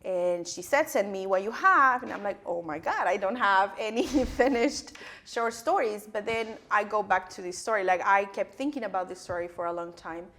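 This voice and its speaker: A woman's voice: mid-range voice, normal speed, few pauses, fairly bright tone. Woman from honduras, chatting about her writing, lots of uhs and restarts. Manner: hesitant, many fillers and restarts. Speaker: author and professor, interview guest. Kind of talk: interview answers.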